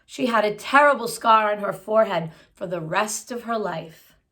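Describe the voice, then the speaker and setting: Reading a picture book to children at a normal speed, a woman with a fairly bright, mid-range voice gives the text expressive phrasing. Along the way she slips in simple explanations for her young audience.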